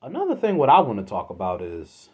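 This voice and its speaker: A man from Philadelphia hosting a solo sports podcast, exasperated, swinging from loud outbursts to low muttering. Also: wildly swooping pitch, fairly quick, husky, highs cut off. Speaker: podcast host.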